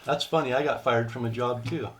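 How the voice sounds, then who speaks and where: A man's voice: medium pitch, steady tone, fairly quick. A man casually chatting and telling dad jokes. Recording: clear background noise, clicks.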